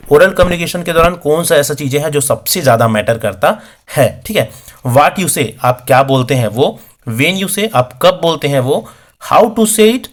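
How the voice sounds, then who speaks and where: A man teaching an exam-prep lesson, reading English questions slowly and then explaining the answers conversationally, often tossing rhetorical questions to the viewers. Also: fairly high pitch.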